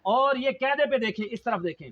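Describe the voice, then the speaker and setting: A man's voice: extremely high pitch, animated, dull audio, a little hiss or hum. A man teaching children a Quran reading lesson, drawing them into call-and-response and leaving sentences for them to finish.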